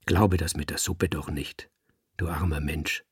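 A man's voice: a bass voice, steady tone, a little slow, a little mellow, slightly rough, no room sound, studio quality, pitched below the performer's own voice, full character voice. A man voicing a scheming ship's mate with a thin, whispering voice in a storybook reading. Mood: insinuating.

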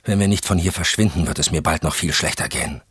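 A man playing a hunted man in an audiobook thriller, urgent and clipped, giving quick orders. His voice sits extremely deep and sounds husky, recorded dry and close. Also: fairly bright tone, dry recording, full character voice. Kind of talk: audiobook character voice.

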